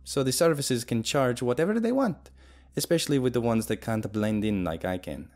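A man voicing an anxious young woman who pleads gently and rises high in pitch. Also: expressive, normal speed, faint music behind, natural voice. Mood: explaining.

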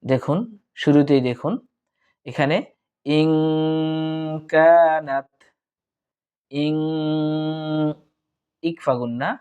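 Slow, smooth-voiced man teaching Quran recitation. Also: on the high side, steady tone, dark tone, lo-fi sound. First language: Bengali. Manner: breaks words into syllables, then chants them drawn out. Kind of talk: slow tajweed lesson, spelling out and reciting verses.

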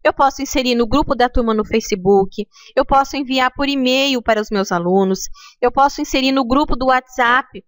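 Woman, Brazilian Portuguese accent, middle-aged, teacher trainer, patient step-by-step tutorial, slightly high voice, dry close sound. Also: moderate pace, no echo. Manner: patient, explains step by step, checks in with "tá?". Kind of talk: screen-recorded tutorial.

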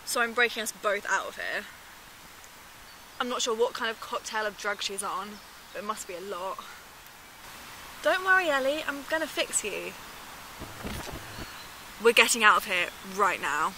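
A woman's voice: mid-range voice, expressive, moderate pace, pauses often, noisy background, natural voice. A woman in her twenties acting an anxious, determined sister confiding in a found-footage video diary. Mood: urgent, pleading. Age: 20s. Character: worried determined young woman searching for missing sister. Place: small room, then outdoors in bare woodland. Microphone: handheld camera at arm's length.

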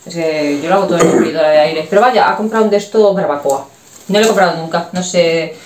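A woman's voice: on the low side, fast, darkish tone, reverberant, distant mic. A Spanish woman chatting casually in a home vlog while unpacking groceries, blunt and talkative. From Spain. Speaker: vlogger. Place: home kitchen.

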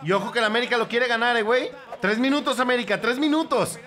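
A young Mexican man reacting to a football match as it plays, cursing freely and yelling at the screen. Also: very high-pitched, quick pace. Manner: profane, excitable, shouts at the screen. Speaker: football fan reaction host.

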